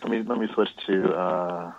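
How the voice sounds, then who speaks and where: A man's voice: low-pitched, fairly even intonation, moderate pace, gravelly, background noise. A man co-hosting a podcast over an internet call, hesitant and full of fillers, his voice hollow and muffled as if at the bottom of a well. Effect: hollow, muffled sound as if at the bottom of a well. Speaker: podcast co-host. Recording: dull, hollow internet call audio from far off the mic.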